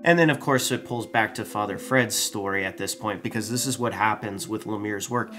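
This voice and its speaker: A thirtysomething podcast co-host talks comics animatedly in a small room full of collectibles, often restarting his sentences. His voice is fairly low and fairly quick, picked up by a desk-mounted studio mic with music in the background.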